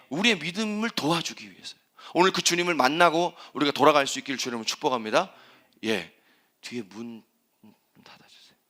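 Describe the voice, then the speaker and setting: A man's voice: sits high, sharp tone. A middle-aged male pastor preaching a sermon in a church. He asks the congregation questions and acts out the prayers he quotes. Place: church sanctuary.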